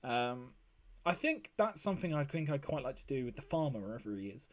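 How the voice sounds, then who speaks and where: A man's voice: medium pitch, very animated, a little fast. Chatty man rambling over gameplay. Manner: rambling, chatty, lots of ums and fillers. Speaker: let's play host. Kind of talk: casual gameplay commentary.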